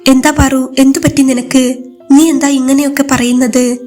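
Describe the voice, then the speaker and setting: A woman voicing a gentle, devoted young husband who speaks with tender, pleading concern in a storybook reading. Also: high voice, little pitch movement, moderate pace, soft background music, natural voice. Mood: tender worry.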